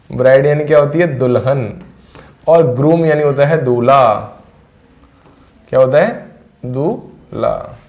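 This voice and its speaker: A man's voice: on the high side, darkish tone. A man teaching English vocabulary in a Hindi-accented voice, repeating each word several times in front of a classroom board. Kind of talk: vocabulary lesson to camera.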